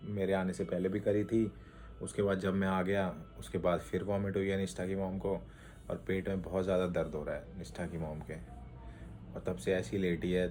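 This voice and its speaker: A man vlogging at home, talking to viewers and gently soothing his crying wife. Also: low-pitched, flat delivery, moderate pace, faint music behind. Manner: soothing, pleading softly. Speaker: vlogger, father. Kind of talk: casual family vlog. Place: home, indoors.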